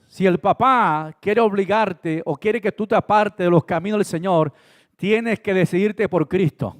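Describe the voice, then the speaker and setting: A man preaching a sermon as pastor, swinging between loud emphasis and quiet asides and acting out short dialogues. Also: high-pitched, unhurried. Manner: acts out short dialogues in different voices.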